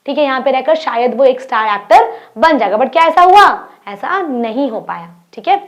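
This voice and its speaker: Speaking in a high register, a young woman teacher with an Indian accent uses Hindi to explain a story from an English textbook. She reads its English lines at a slow pace and asks her students questions.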